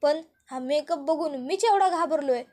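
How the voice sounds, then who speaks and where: A woman voicing an excitable, jokey young man. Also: high voice, normal speed, lightly acted. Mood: excited. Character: young man, jumpy and playful, in scary makeup.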